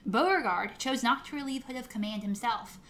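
A woman narrates history as a podcast co-host. Her voice is a little higher than average, and she follows a script. The recording is made indoors, in the attic of an old house. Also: brisk, a bit bright, a little hiss or hum. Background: air conditioning may be running.

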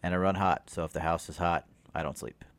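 A man with a very low voice chats easily on a podcast, often starting a sentence twice before it comes out. The sound is dry and close to the mic. His talk is relaxed and unhurried. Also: no room sound. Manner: easygoing, halting with repeated restarts. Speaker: podcast co-host. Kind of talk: casual chat.

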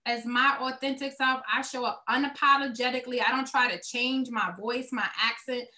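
A woman's voice: a little high, fairly even intonation, normal speed, bright, forceful tone. A woman with a Brooklyn accent answering interview questions as a nonprofit executive, earnest and emphatic, repeating words to drive a point home. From Brooklyn, New York, United States.

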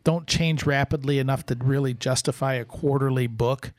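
A man explaining as a podcast expert, casual but measured and halting in the way he talks. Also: medium pitch, fairly even intonation, no echo.

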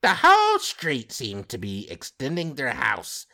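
A man reading aloud slowly in a put-on British accent. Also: medium pitch, wildly swooping pitch, creaky, bright, forceful tone, voice pushed up, full character voice. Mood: mock-prim.

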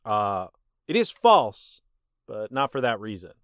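A man's voice: lowish voice, sing-song, a little slow, a bit bright, clear, resonant tone, no room sound. A man hosting a casual movie podcast, quizzing his co-host and scoring answers with dry wit.

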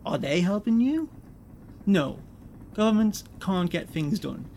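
A man's voice: high-pitched, expressive, unhurried, gravelly, a little mellow, a little hiss or hum, voice pushed up, heavily acted. A man voicing a smug, slick corporate executive who talks in a breezy, condescending, amused way.

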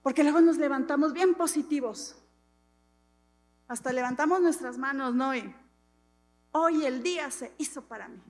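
High-voiced woman preaching. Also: moderate pace, long pauses. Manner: animated, dramatic preaching with self-mocking humor. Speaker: pastor. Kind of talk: sermon. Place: church hall. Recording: long hall reverb.

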